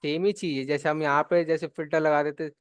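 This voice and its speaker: Clear-voiced male computer instructor. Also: on the high side, steady tone, brisk, dry recording. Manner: patient, repeats steps with check-ins. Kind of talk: live online spreadsheet lesson.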